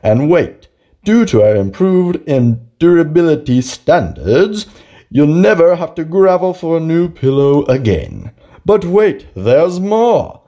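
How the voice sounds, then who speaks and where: A man playing an earnest salesman in a scripted parody infomercial, giving a grandiose pitch for an absurd product. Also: sing-song, slow, mellow, exaggerated voice. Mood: grandly earnest. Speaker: advertisement announcer.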